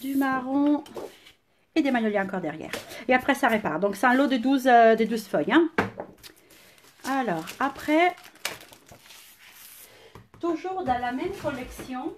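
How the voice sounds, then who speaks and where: Speaking in a high, lively voice, this Italian-accented woman demonstrates crafting products during a relaxed live-stream unboxing, frequently filling gaps with "euh." She's recorded at home on a phone camera, and there's slight hiss or hum.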